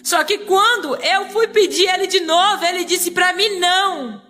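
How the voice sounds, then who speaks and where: A woman's voice: very high-pitched, moderate pace, pushed and bright. A woman preacher telling an emotional, pleading testimony sermon.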